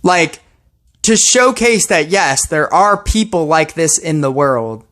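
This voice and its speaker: A woman's voice: deep voice, animated, slow, a bit bright. A woman posting a ranting commentary video about a mobile game, sarcastic and exasperated.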